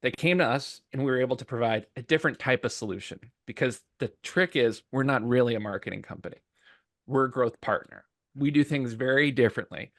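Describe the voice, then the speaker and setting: Confident male salesman pitch, mid-pitched, dry close sound. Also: brisk, dry recording. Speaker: sponsor representative, marketing. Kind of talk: short pitch speech.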